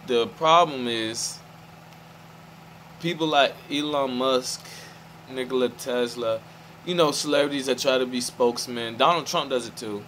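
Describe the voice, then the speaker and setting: A man's voice: medium pitch, a little slow, a bit bright, slight background noise, low-quality recording. A man talking to the camera in a loose, meandering monologue, often restarting his sentences and checking in with his listener. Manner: meandering, restarts, keeps asking "you feel me".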